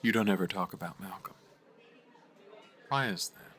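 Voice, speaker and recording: An actor playing a guilt-ridden young man in an audio drama, speaking softly and haltingly, often trailing off to near-whispers. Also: low voice. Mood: wistful. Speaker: Wes Campbell.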